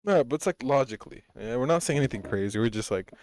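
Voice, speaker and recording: A man's voice: mid-range voice, lively intonation, fast, a little mellow. A man co-hosting a podcast in casual chat, blunt and swearing freely. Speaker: podcast co-host.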